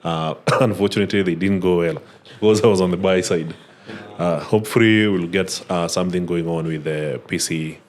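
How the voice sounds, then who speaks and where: A man's voice: deep voice, a little fast. A man hosting a casual podcast interview, easygoing and peppered with "uh" and "awesome". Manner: relaxed, frequent "uh" fillers and "awesome". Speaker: podcast host.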